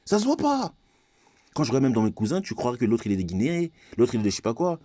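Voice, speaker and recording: A man's voice: mid-range voice, expressive, rapid-fire, dark tone, dry recording. A man from Congo ranting in a vlog monologue, confrontational and repetitive, firing rhetorical questions. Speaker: vlogger.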